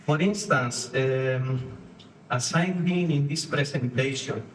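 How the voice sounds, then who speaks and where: A man from Spain speaks in a Spanish accent at a middling pitch, giving a live talk to a conference audience. His phrasing halts and restarts as he acts out postures and inner voices. The recording is echoey and taken from a distance, with a faint hiss of noise underneath. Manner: halting non-native phrasing with frequent restarts. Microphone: distant room mic.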